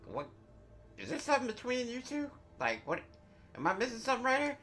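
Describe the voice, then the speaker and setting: A man's voice: very high voice, huge pitch swings, fairly quick, pushed and bright, soft background music. A man chatting casually as he co-hosts a live game stream. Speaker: gaming streamer.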